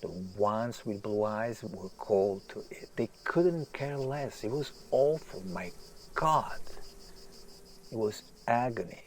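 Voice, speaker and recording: Speaking slowly but with animation, a man with a fairly low voice plays an agitated, anguished famous writer, restless, self-doubting, and self-deprecating, in a naturalistic audio drama monologue. His brooding, intense reading moves between hushed and emphatic. The recording is low quality, with clear hiss and outdoor nature ambience.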